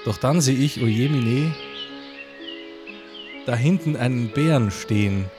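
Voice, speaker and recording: A man reading a mock-solemn poem in a dry, deadpan, halting way. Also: mid-range voice. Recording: music playing under the voice.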